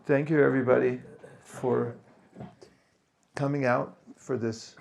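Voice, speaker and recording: A man giving a spiritual talk to a gathering, speaking slowly and deliberately and pausing for his translator. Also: mid-range voice, little pitch movement, vocal fry, darkish tone, slight background noise. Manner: slow, deliberate, leads group chanting. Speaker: visiting speaker.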